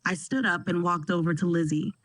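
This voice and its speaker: A woman narrating a first-person family drama in a steady, dramatic storytelling manner. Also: on the low side, a little fast, no room sound, low-quality recording.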